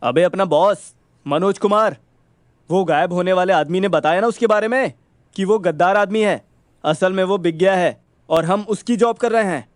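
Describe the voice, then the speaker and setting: A man's voice: high-pitched, normal speed, dry recording, pitched above the performer's own voice, lightly acted. A man putting on a brash young wisecracking friend. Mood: earnest. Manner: slangy, mocking banter. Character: cheeky young male friend, brash and teasing.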